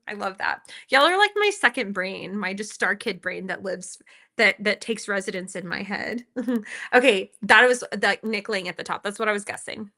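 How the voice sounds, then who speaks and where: A woman's voice: mid-range voice, pushed and bright. A woman hosting a casual live stream, chatting and laughing with her viewers while she reacts to videos and fixes her audio, heard through a laptop microphone at home. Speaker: livestream host reacting to videos. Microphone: laptop built-in microphone.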